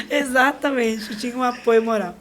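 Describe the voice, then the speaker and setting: A middle-aged Brazilian woman, a podcast guest, telling a personal story in a lively way, acting out what people said and laughing often. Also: fairly high pitch, a little slow, slight background noise. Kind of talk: personal storytelling in a casual interview.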